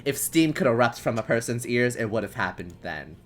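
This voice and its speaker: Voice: mid-range voice, expressive, faint music behind. A streamer narrating a story game and chatting with a co-host in a playful, teasing way. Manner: playful teasing, quick laughs.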